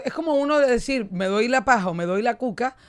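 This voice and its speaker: A woman's voice: fairly high pitch, lively intonation, fast, dry recording. A woman with a Maracaibo Venezuelan accent, chatting bawdily and laughing as a podcast co-host. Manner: bawdy, laughing, uses vos. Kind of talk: casual chat.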